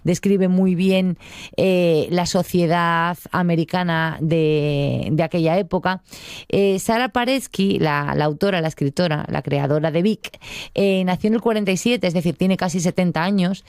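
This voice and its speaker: A middle-aged Spanish-accented woman contributes a book segment to a show, chatting informally and wandering off on tangents in a conversational review. Her voice sits on the low side, slightly mellow, clear and resonant, at a normal pace. The studio recording is clean with no room sound.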